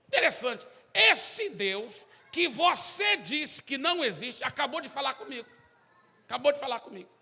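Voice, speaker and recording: A man's voice: sits high, very animated, normal speed, gravelly, pushed and bright, long reverb tail, exaggerated voice. A man voicing a timid, simple young male believer who speaks hesitantly, then boldly.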